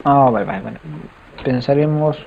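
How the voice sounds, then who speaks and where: A young adult man doing excitable let's play commentary, talking to viewers with frequent exclamations. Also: mid-range voice, normal speed, vocal fry. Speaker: gaming youtuber. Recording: slightly dull home mic with faint noise.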